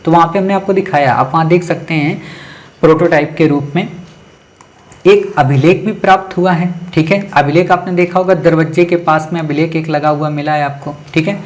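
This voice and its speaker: A man's voice: a little high, fairly even intonation, fairly quick. Repetitive, emphatic exam-coaching teacher man. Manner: addresses students directly, keeps checking with "ठीक है" and "समझ गए"; repeats key points for emphasis. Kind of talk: exam-prep lecture.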